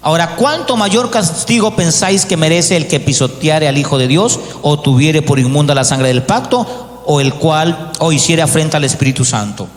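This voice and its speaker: A man's voice: on the high side, moderate pace. Preaching man in an echoey church. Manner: preaching with rising emphasis, acting out doubters. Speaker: pastor. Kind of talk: sermon.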